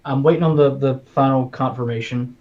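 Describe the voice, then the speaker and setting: An easygoing man in casual chat, explaining a production hiccup in a plain, matter-of-fact way. His voice is mid-pitched and comes through dull, lo-fi call audio. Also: steady tone, brisk. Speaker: comic editor and production manager.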